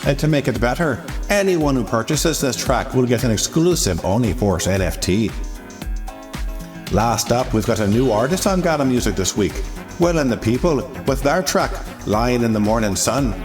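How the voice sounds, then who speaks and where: A man voicing a chatty male robot chart host who puts on a deliberately bad Irish accent. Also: medium pitch, animated, soft background music, lightly acted. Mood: upbeat. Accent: put-on Irish.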